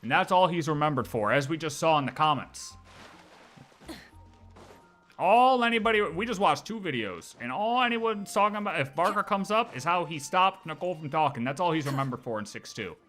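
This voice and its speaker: Very animated and fairly quick, a man with a voice on the high side and a fairly bright tone chats casually on a livestream, with faint music behind him. Reacting to game lore, he rambles in slang and repeats phrases for emphasis while speculating about the story.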